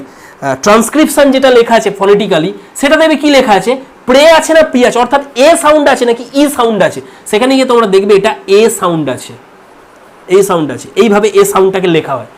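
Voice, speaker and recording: Fast-talking teacher from India. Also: male voice, very high voice. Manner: explanatory, repeats words slowly to model sounds. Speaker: English teacher. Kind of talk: online pronunciation lesson.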